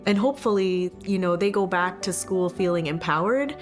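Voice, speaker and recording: A woman giving reflective interview talk in a measured way, searching for her words. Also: lowish voice, expressive. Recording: faint music behind.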